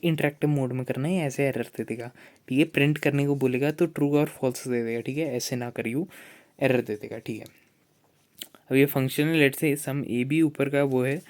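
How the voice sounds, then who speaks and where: Young man tutoring a friend, casual. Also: medium pitch. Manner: chatty, teasing, switches into slow halting reading of English text. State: sore throat, tired. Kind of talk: casual study session.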